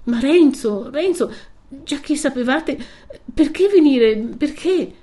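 A woman's voice: a little high, expressive, unhurried, warm tone, pitched above the performer's own voice. A woman voicing a frail, devout young woman who speaks tremulously and anxiously in a storybook reading.

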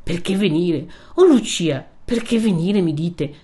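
A woman's voice: medium pitch, expressive, moderate pace, warm tone, pitched above the performer's own voice, natural voice. A woman voicing a young peasant man who pleads urgently and emotionally in a storybook reading. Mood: impassioned.

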